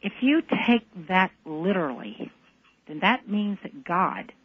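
A woman calling into a radio talk show, speaking in an intense, deliberate and defiant way. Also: mid-range voice, sing-song, breathy edge. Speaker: caller. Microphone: phone. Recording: tinny phone line.

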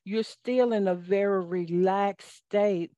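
A woman's voice: medium pitch, dark tone, no echo. A woman with a Southern accent, hosting a live call-in coaching show in a folksy, preachy manner. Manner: folksy, preachy, talks slowly. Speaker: life coach and host. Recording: dull lo-fi audio, dry.

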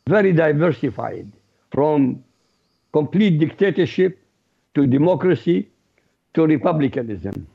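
A man speaks bluntly and outspokenly as a talk show panelist. His slightly high voice is gravelly, husky and darkly mellow, coming through a dull, muffled line. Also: expressive, unhurried, pauses often. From Iraq. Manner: blunt, outspoken, laughs easily. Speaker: regular co-host panelist. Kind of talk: radio talk show commentary.

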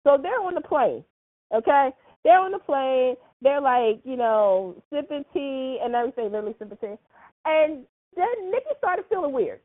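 A woman hosting a podcast, chatting casually through a soap opera recap, full of "like" and "you know". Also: high-pitched. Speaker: podcast host. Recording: tinny phone-like sound.

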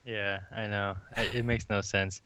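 A man's voice: fairly low pitch, flat delivery, a little slow, pushed and bright, smooth, no room sound. A man co-hosting a casual film podcast, making dry jokes and quoting characters. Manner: dry jokes, quotes characters in funny voices. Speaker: podcast co-host. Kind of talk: casual film-review chat.

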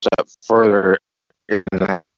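A man talking as a guest on an online call, in halting, pause-filled casual speech, his audio glitching and cutting out. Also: low voice, level tone, no echo. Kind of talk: casual chat. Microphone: online call mic. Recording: dull lo-fi call line.

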